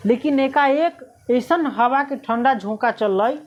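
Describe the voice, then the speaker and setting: A woman's voice: sits high, takes it slowly, highs cut off. A woman teacher. She explains a Hindi story lesson, reading each line and then retelling it in local dialect, often asking "है ना?".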